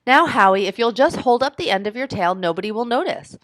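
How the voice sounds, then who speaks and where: A woman's voice: fairly high pitch, lively intonation, a little fast, a bit bright, no room sound, voice pushed up. Woman voicing a harried mother, rambling and exasperated; storybook read-aloud, dry sound.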